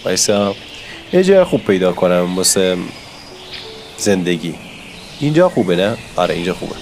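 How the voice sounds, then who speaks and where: A man with a hoarse voice from a cold, chatting excitedly to his viewers as he comments on his own gameplay. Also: low-pitched, faint music behind. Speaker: gaming YouTuber.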